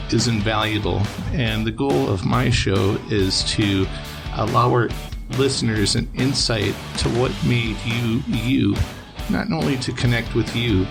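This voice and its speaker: This gravelly, mid-range voice belongs to a Wisconsin man hosting a casual interview podcast. He's easygoing and chuckles as he asks follow-up questions.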